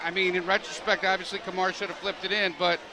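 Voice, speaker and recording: A man's voice: sits high, quick pace, background noise. Man, sports commentator, emphatic, live game recording, crowd roar. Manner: excited, emphatic. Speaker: play-by-play announcer.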